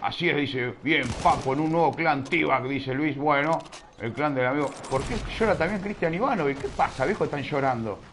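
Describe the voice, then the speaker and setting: A man's voice: fairly high pitch, fairly quick, hardly any pauses, noisy background. A man with a Rioplatense Spanish accent casting a live online shooter tournament, chatty and teasing, scolding his chat with playful slang. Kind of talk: live game commentary.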